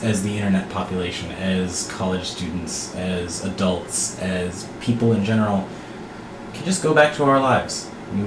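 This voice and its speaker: Reflective man vlogging in an echoey bathroom. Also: low voice. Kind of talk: earnest monologue to camera. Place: small bathroom, indoors. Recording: echoey bathroom with clear background noise.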